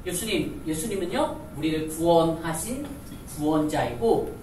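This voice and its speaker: A woman's voice: low-pitched, lively intonation, normal speed, mellow, echoey room, recorded from a distance, a little hiss or hum, pitched below the performer's own voice, rough recording. A woman acting as an eager, bold apostle. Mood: excited.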